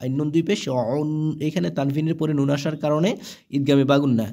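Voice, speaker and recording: A mellow, slightly high voice with fairly even intonation comes from a man with a Bangladeshi Bengali accent. Though he talks fast, he runs a slow Quran reading lesson, spelling each syllable aloud before drawing out the full word.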